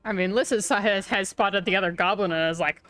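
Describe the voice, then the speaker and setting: A woman's voice: medium pitch, brisk, a bit bright, dry recording, soft background music. A woman chatting casually as a player in a tabletop game, improvising what her character does. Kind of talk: casual improvised role-play chat.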